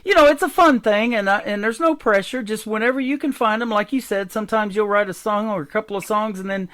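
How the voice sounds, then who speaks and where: A man's voice: high voice, quick pace, a bit bright. A man hosting a radio interview, talking in a friendly, enthusiastic way. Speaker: radio show host.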